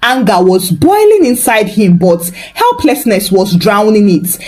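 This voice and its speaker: A woman narrating a scripted folk tale in a dramatic, expressive way. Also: fairly high pitch. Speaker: storyteller.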